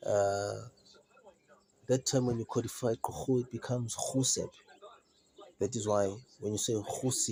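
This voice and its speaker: Male speaker, lowish voice, informal lecture, repetitive and halting, stops to ask if you follow. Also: poor audio. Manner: repetitive, halting with many restarts; asks "do you understand?".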